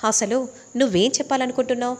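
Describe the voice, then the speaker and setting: A woman voicing a sharp-tongued woman who questions an accusation point by point. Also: fairly high pitch, quick pace, lightly acted. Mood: challenging. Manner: challenging, questioning. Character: sharp-tongued woman defending her relative.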